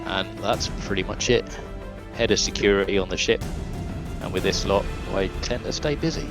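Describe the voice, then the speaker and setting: A man's voice: low-pitched, moderate pace, music in the background. A man introducing his tabletop game character in a jokey, self-deprecating way. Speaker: player.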